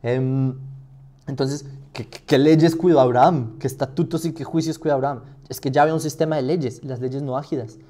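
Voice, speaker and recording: Man teaching, mellow voice, rhetorical questions. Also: mid-range voice, steady tone, moderate pace. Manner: thinks aloud with rhetorical questions. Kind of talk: live class answering questions.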